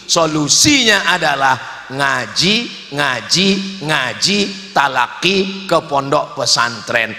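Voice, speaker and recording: A man preaching a humorous religious sermon, swinging between booming declarations and quiet asides and acting out little dialogues. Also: very animated, takes it slowly. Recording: echoey hall with long reverb.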